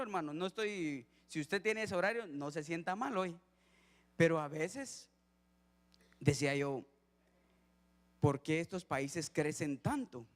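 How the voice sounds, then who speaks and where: A man preaching as a deacon, telling a personal story in a conversational way and acting out dialogue. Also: fairly high pitch. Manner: conversational, acts out dialogue with his son. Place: church hall. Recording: long church hall reverb.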